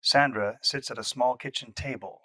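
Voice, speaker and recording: A man's voice: mid-range voice, normal speed, pushed and bright, no echo, low-quality recording. A man reading out stage directions in a plain, matter-of-fact way. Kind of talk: scripted narration.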